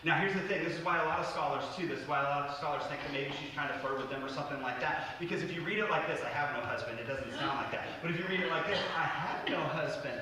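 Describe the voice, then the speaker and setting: A man preaching a sermon as a pastor, telling the story in a conversational, animated way with frequent asides to the congregation. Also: fairly high pitch. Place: church sanctuary. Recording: very echoey hall, mic at a distance.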